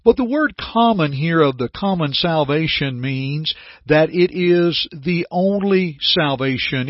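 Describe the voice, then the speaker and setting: Man, dense radio broadcast voice, somewhat high, earnest preaching tone, dry slightly dull studio sound. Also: dry recording. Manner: steady, earnest preaching delivery. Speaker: radio Bible program host. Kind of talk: radio Bible study broadcast.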